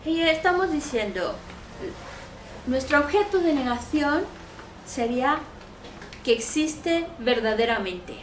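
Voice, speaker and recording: A woman patiently explains a teacher's ideas as his interpreter, her voice sitting high. She is picked up from a distance in an echoey room with faint background noise. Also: lively intonation, slow, pauses often. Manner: patient, explanatory, with frequent checking "¿vale?". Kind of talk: explaining a philosophy lesson.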